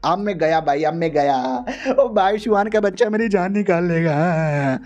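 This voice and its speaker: A man's voice: sits high, fairly quick, a little mellow, natural voice. A man voicing a panicky young man who is desperate to cancel his wedding, whiny and exasperated.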